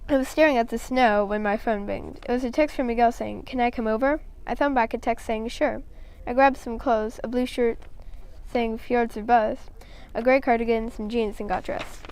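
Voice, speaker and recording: A woman's voice: fairly high pitch, fairly even intonation, normal speed, darkish tone, clear, resonant tone. A woman reading a first-person children's story aloud in a plain storytelling manner, with a few small slips.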